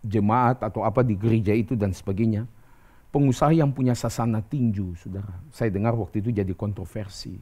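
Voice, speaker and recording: Middle-aged man, pastor, sermon, conversational, animated pitch jumps, acted-out dialogue. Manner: conversational preaching, lively jumps in pitch, acts out quoted dialogue.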